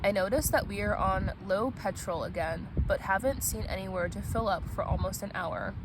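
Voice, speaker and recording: Outdoors at a picnic spot, with traffic noise filling the recording, a vlog host mixes casual chat with a novel read-aloud. She speaks playfully and casually, at an ordinary pace in a mid-range voice.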